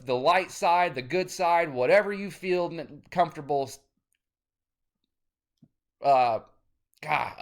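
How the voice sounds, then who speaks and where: This man is in his thirties, an independent musician whose vlog rant to camera rambles, swears, and turns loud and insistent. His voice sits a little high.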